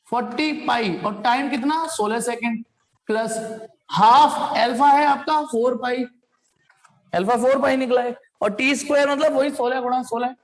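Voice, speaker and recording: Chatty physics teacher working sums aloud. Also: high-pitched. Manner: chatty, works sums aloud, calls students "beta"; code-mixes English technical terms. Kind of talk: informal classroom lecture.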